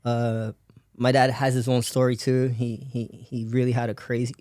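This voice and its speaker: A man's voice: mid-range voice, flat delivery, normal speed, darkish tone, dry recording, studio quality. A man raised in Belgium, a podcast guest telling his life story in casual rambling talk with many fillers and frequent laughs.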